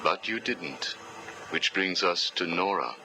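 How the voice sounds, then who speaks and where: A calculating interrogator with a very deep voice that rises and falls as he probes. He sounds clinical and cold. The voice comes through the hiss of a cassette tape. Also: lively intonation, slow. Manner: probing, clinical questioning. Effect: played back from a cassette tape recording. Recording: hissy cassette tape playback.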